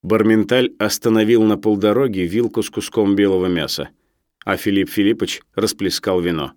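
A man's voice: lowish voice, moderate pace, no echo, clean studio sound. A man narrating a story in a theatrical audiobook reading. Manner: theatrical, animated.

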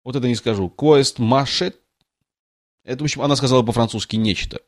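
A man's voice: medium pitch, a little fast, no room sound, clean studio sound. A man reading a storybook aloud in a casual way, now and then breaking off to comment on the text. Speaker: reader. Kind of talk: storybook read-aloud with ad-lib asides.

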